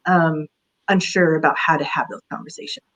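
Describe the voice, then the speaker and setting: A woman's voice: deep voice, fairly even intonation, fairly quick, a bit bright, rough recording. A woman career counselor giving casual advice in an interview, talking in a chatty way with many fillers.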